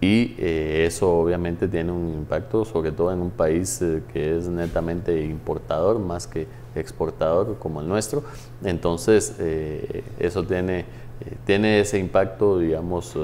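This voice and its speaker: A man in his thirties, a studio interview guest who explains in a measured way with many hesitant fillers. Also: sits low, steady tone, dark tone, a little hiss or hum. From Guatemala. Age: 30s. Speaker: guest, former tax agency head.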